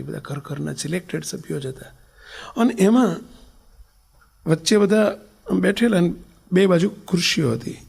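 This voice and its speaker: A man with a Gujarati accent, a swami telling a story in a sermon, his voice rising loud and then falling to a near whisper. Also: on the high side, gravelly, breathy edge. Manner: swings between loud stressed lines and soft, near-whispered ones. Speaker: swami giving a religious discourse.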